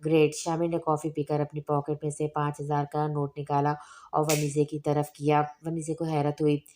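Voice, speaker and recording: A woman narrating a romance novel in a steady, even audiobook reading. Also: deep voice, normal speed, a little hiss or hum.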